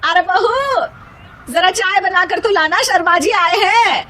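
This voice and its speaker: A woman playing a bossy, exasperated middle-aged mother-in-law who scolds melodramatically in an animated moral story. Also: very high-pitched, takes it slowly, exaggerated voice. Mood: calling out.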